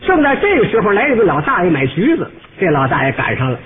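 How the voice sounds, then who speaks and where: A man performing a comic monologue, telling the story with lively, pointed asides to the audience. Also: sits high, fast talker, crowd noise. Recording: tinny old radio recording with faint hiss.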